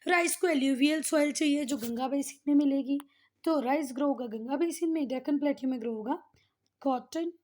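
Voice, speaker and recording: A woman leads a schoolroom lesson in a notably high voice. She explains patiently, repeats the key terms and keeps checking in with her students, switching now and then into textbook English. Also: brisk, a little mellow. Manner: mixes English textbook phrases into Hindi explanation. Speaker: teacher.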